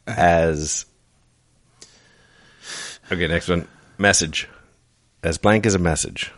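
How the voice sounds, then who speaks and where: Deep-voiced man in dry casual chat. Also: a bit bright, no room sound. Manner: drawn-out musing, quick to laugh. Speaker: co-host.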